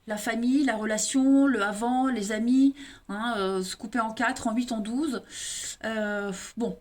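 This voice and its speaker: This tarot reader, a woman from eastern France by her accent, addresses viewers directly in her monthly card reading and keeps ending phrases with "hein." She talks unhurriedly in a steady, somewhat high voice.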